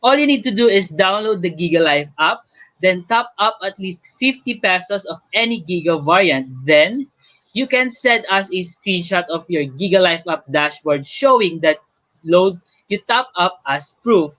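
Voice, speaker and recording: A man's voice: sits high, animated, normal speed, a bit bright. A young man with a Filipino accent co-hosts a scripted online event, announcing giveaways in an upbeat way. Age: young adult. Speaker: event co-host, student raffle announcer.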